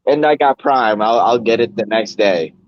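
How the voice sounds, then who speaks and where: A man's voice: mid-range voice, normal speed, dry recording, highs cut off. A man hosting crude casual banter in an online voice chat, laughing and teasing with lots of swearing.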